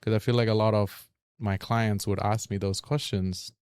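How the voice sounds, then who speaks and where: Man with Fiji Indian accent, Fiji Hindi native speaker. Lower-pitched, crisp delivery for conversational panel talk. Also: steady tone, moderate pace, darkish tone, no room sound, clean studio sound. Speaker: real estate agent and lender on a panel.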